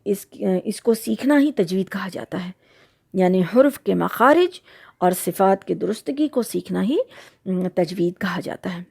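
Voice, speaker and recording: Gravelly, mellow-voiced woman teaching. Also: medium pitch, lively intonation. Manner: patient, explains step by step with many pauses. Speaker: Quran recitation teacher. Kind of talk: religious lesson.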